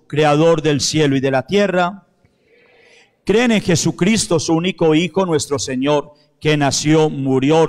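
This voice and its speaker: At the altar of a church sanctuary, a priest with a fairly high male voice leads liturgical prayer and the renewal of baptismal promises. His phrasing is slow, measured and solemn, picked up by a handheld microphone over soft piano music.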